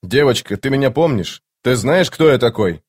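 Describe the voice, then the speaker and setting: A man's voice: mid-range voice, animated, moderate pace, husky. A man voicing a stern, suspicious army captain who gives curt commands in an audiobook. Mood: commanding.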